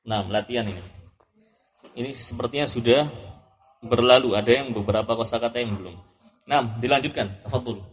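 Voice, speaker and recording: A man's voice: mid-range voice, brisk, long pauses. A man teaching an Arabic lesson, patiently repeating and correcting each student's answer. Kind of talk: classroom drill lesson.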